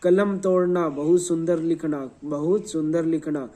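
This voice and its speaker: A male teacher running a quick revision lesson, repeating answers, quizzing the class and spelling words letter by letter. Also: a little high, steady tone, warm tone.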